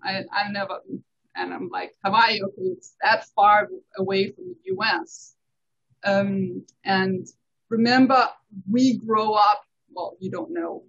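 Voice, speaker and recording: A woman talks through her story as an interview guest, laughing often. Her voice is a bit husky and breathy, and the recording sounds muffled and lo-fi. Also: medium pitch, a bit bright. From Denmark. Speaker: tax accountant guest. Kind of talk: casual interview chat. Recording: dull lo-fi recording.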